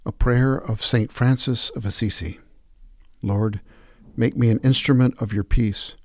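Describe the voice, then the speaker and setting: A man reading scripture passages and prayers aloud in a measured, reverent devotional style. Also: mid-range voice, fairly even intonation, a little mellow, no echo.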